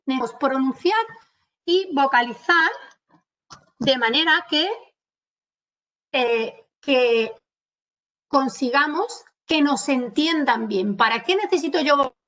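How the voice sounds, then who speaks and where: A woman's voice: high voice, animated, a bit bright. A woman with an Andalusian Spanish accent giving an online lecture on communication, explaining and addressing her audience directly. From Andalusia, Spain. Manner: explanatory, addresses audience directly, slows to stress key words. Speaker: webinar presenter on communication skills. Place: home. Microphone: computer mic on a video call. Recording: distant, dull webinar audio.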